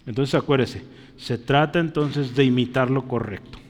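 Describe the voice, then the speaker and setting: A man preaching a sermon to a congregation, checking in with constant tag questions and swinging between loud emphatic peaks and quiet drops. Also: medium pitch, moderate pace. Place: church hall. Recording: long hall reverb.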